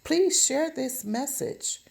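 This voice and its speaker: A woman at home gives an informal relationship-advice monologue in a high-pitched voice with lively intonation, a slow pace, and vocal fry. She is blunt and emphatic, admonishing and repeating phrases for stress.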